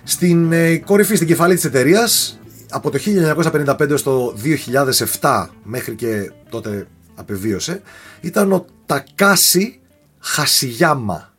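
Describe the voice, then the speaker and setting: A man telling a story in a casual podcast chat, animated and often tripping over foreign names. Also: fairly high pitch, husky, faint music behind.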